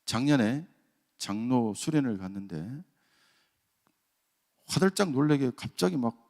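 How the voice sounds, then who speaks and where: Middle-aged man, church elder, gravelly voice, testimony sermon, rhetorical questions, long church reverb. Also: mid-range voice, sing-song, measured pace, darkish tone. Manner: storytelling, self-deprecating, asks rhetorical questions. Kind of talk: dawn service sermon with personal testimony. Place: church sanctuary.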